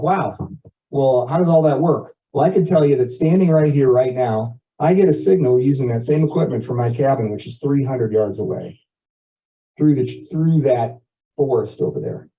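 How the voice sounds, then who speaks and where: A community board member gives neighbours an informal, folksy presentation at a neighbourhood meeting, explaining things through plain comparisons. His voice is mellow and mid-range, and the meeting audio, relayed over a video call, sounds muffled from a distant microphone.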